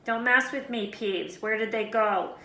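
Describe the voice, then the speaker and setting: Cranky storybook caretaker man, acted by a woman: menacing, impatient, raised pitch, roomy echo. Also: measured pace, pushed and bright. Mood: impatient anger. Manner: impatient, demanding.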